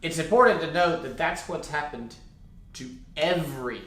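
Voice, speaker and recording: Guy chiming in on a podcast, bit higher voice, laughs along, roomy sound. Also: normal speed, a bit bright. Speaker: podcast co-host. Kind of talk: casual conversation.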